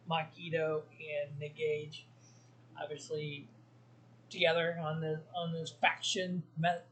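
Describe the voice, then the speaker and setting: A man's voice: fairly high pitch, low-quality recording. Man, show host, casual wrestling review, blunt and opinionated, frequent fillers and restarts.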